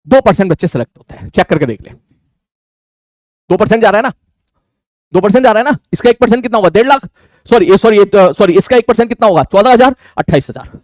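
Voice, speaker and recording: A man teaching a live online class, talking fast and repeating his phrases with frequent checks for understanding. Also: high voice, expressive, dry recording, clean studio sound.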